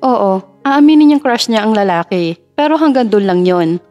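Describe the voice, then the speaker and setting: A woman narrating a dramatic story in a steady, emotive reading. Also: mid-range voice, moderate pace, dull audio. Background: faint background music.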